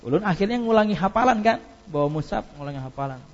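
A man's voice: high-pitched, lively intonation, quick pace, lo-fi sound. A man giving an informal religious lecture, telling anecdotes with laughter and reciting Arabic passages. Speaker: preacher.

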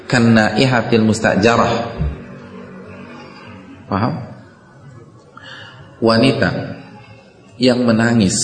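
Man preaching in an echoey hall. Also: mid-range voice. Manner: asks the audience questions, with Arabic quotations. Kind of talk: religious lecture to a congregation. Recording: echoey hall with long reverb.

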